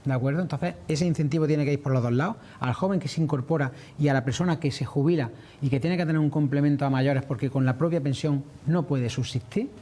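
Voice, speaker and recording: A man's voice: a little high, fast, hardly any pauses, dark tone. A man answering as a farmers' representative in a broadcast interview, earnest and explanatory.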